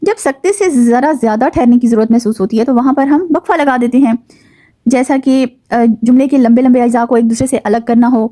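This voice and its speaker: A woman teaching a grammar lesson, explaining patiently with occasional fillers and slowing down to stress key words. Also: a little high, warm tone, dry recording. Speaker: Urdu teacher.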